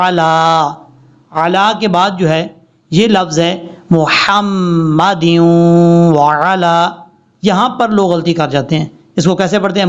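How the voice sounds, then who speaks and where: A man teaches how to pronounce the prayers, stretching each recited word slowly and carefully. His speech is unhurried, and the recording sounds dull and lo-fi. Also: sits high. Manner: slow drawn-out recitation of Arabic words between quick explanations. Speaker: tajweed teacher. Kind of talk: prayer pronunciation lesson.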